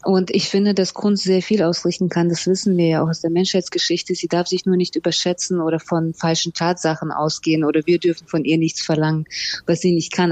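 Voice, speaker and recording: A writer from Russia speaking as a radio interview guest, in a thoughtful and searching way, pausing often to find words. The intonation stays even and flat. The recording is dry and close. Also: medium pitch, no room sound. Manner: thoughtful, searching speech with frequent hesitations. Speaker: interview guest, novelist and essayist.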